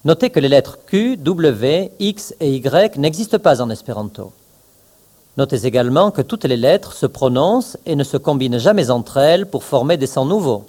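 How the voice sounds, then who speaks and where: A man's voice: mid-range voice, animated, normal speed, warm tone. A man giving a scripted pronunciation lesson, spelling out syllables one by one and tapping out stress patterns. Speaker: language teacher.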